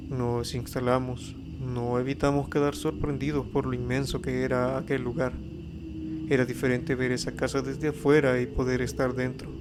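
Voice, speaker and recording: A man narrating a horror story as scripted narration, reading in a steady, even way. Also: mid-range voice, noisy background. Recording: eerie ambience under the voice. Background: spooky ambience and effects.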